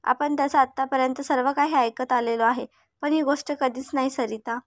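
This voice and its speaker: A commanding rich father who gives orders to his man, read by a woman narrator. Voice high and dry, in a firm, directing manner. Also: steady tone, moderate pace, no echo, natural voice. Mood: stern. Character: stern wealthy middle-aged father giving orders.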